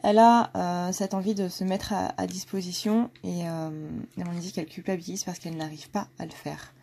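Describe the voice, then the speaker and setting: A woman's voice: fairly low pitch, fairly even intonation, moderate pace, vocal fry, mellow. A woman with a blunt manner, talking casually with many fillers and restarts as she gives a tarot reading for her channel. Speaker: tarot reader.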